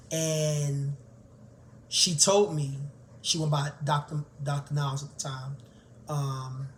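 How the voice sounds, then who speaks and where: A man tells his own story in a candid, conversational way. His voice sits a little high for a man. A faint hiss runs under the recording. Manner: candid, conversational, grows animated. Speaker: teacher and vlogger. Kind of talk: personal storytelling to camera.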